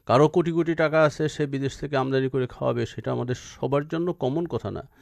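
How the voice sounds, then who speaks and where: A man's voice: medium pitch, a little fast, gravelly, a little mellow, no echo. A man with a Bangladeshi accent explaining advice as a radio phone-in expert, with emphatic, repetitive lists. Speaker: expert guest answering listeners' questions.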